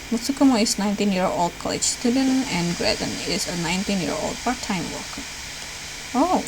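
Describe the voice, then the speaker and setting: A woman from Indonesia, medium-pitched, reads visual novel dialogue aloud as a let's player, lightly acting out the lines. The background is noisy.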